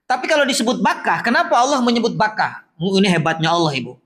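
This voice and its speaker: A man with a fairly high voice preaches at a gathering in a mosque. He asks the audience questions and answers them himself. When he chants verses, he slows down and draws out the words. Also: animated, fairly bright tone. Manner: chants Quranic verses slowly. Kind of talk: religious lecture.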